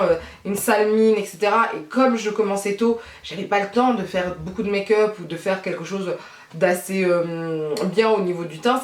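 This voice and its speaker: A woman's voice: medium pitch, distant mic. Chatty woman vlogger in an echoey room. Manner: chatty, self-mocking, laughs easily. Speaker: beauty vlogger host. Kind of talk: casual chat to camera. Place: at home, child nearby. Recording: echoey room, voice set back from the mic.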